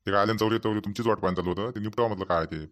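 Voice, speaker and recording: A man with a lowish, slightly bright voice talks very fast, lightly acting the part of a village farmer chairing a local meeting in cartoon comedy dialogue. His rural Vidarbha Marathi accent accompanies rambling, repetitive speech that stays chatty and businesslike.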